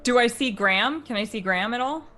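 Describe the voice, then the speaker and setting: A woman with a fairly high voice talks casually as a player in a tabletop role-playing game, improvising her character's moves. Faint music plays underneath. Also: fast talker, bright, forceful tone.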